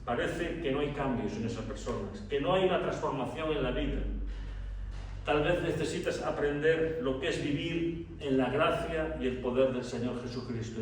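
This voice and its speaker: A man preaches in a rather high voice, impassioned and dramatic. His words ring through a very reverberant church sanctuary. The mic sits some way off him, with faint room ambience behind. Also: a little hiss or hum. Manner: impassioned storytelling, swinging from hushed to loud. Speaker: pastor. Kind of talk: sermon. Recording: very echoey church, distant mic.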